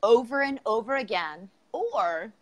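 A woman's voice: a little high, lively intonation, a little slow. A woman hosting a podcast in casual chat, irreverent and jokey, with plenty of filler words. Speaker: podcast host.

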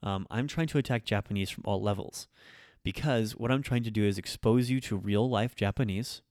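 Fairly quick and low, with a darkish tone, this podcast host and language teacher speaks off the cuff about teaching. He's a native English speaker, blunt and opinionated, constantly restarting and saying um, captured in clean studio sound without echo.

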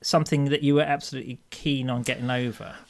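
A man's voice: medium pitch, flat delivery, fast, vocal fry. A man with a British accent chatting casually as a podcast co-host, often restarting his phrases, with dry humour. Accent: British English. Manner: hesitant, self-correcting, dry humour.

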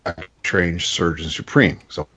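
Low-voiced man on glitching call audio. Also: fairly even intonation, moderate pace, sharp tone, highs cut off. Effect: glitching, breaking-up call audio. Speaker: podcast co-host. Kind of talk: casual chat reviewing comics. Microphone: remote video call.

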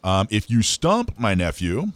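A man's voice: on the low side, huge pitch swings, a little slow, dry recording. A man hosting a talk radio show, speaking informally and emphatically, repeating points to drive them home. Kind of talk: talk radio commentary and banter.

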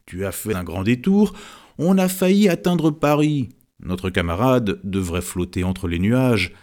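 A man's voice: on the low side, measured pace. A man voicing a joking, gallant middle-aged husband in an audiobook. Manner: joking, flattering.

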